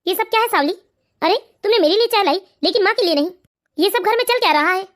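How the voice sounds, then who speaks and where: An actor doing a cartoon husband with a strikingly high, fast voice, earnest and pleading as he tries to calm his family. He is the steady son caught between his mother and his wife. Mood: firm. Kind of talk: animated moral story voice acting.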